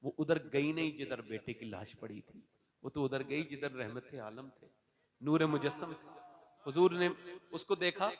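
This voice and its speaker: A male preacher giving a sermon, moving from hushed storytelling to shouted calls and slow chanted verses. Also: medium pitch. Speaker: Islamic preacher.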